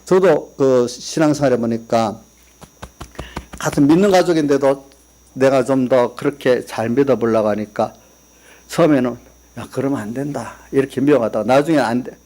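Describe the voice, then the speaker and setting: A man's voice: medium pitch, normal speed, a little mellow. Man, pastor, church sermon, conversational, rhetorical questions, personal stories. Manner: tells personal stories, quoting family members. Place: church sanctuary.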